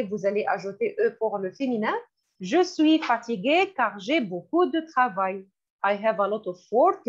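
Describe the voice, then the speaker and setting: Slow, lively woman teaching French. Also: fairly high pitch. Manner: slow, repeats each word and glosses it in English. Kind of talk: classroom vocabulary lesson. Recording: dull lo-fi recording.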